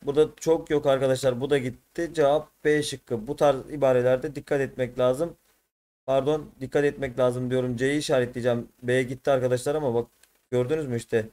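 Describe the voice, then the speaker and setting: A man's voice: medium pitch, fairly even intonation, brisk, darkish tone. A man teaching an exam prep lesson, tired, thinking aloud and correcting himself as he works through questions. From Turkey.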